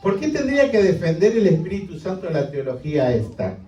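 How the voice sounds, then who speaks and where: A man's voice: high-pitched, big pitch swings, fairly quick, dark tone, dull audio. A male pastor preaching a sermon emphatically, with many rhetorical questions. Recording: echoey hall, distant mic.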